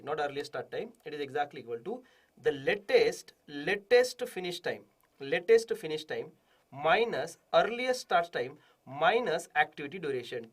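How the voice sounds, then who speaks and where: A man's voice: high-pitched, a bit bright. A man with an Indian accent teaching a live exam class, repeating key phrases with emphasis and answering his own questions. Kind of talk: live online lecture, solving exam questions.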